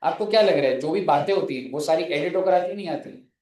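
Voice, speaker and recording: A man's voice: a little high, fast talker, darkish tone. A man with an Indian accent lecturing a class, mixing Hindi and English and joking with students. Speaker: teacher. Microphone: phone. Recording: echoey classroom from far off.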